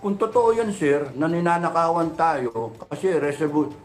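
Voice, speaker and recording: A man's voice: on the high side, moderate pace, soft background music. A man in his thirties or forties in an impassioned political rant, firing repeated questions at officials with a mock-polite "sir" and switching between Tagalog and English.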